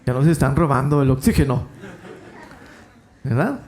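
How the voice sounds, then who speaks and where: A man preaching a sermon as pastor, telling a story with lively swings in his delivery and acting out the quoted voices. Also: mid-range voice, moderate pace, slight background noise.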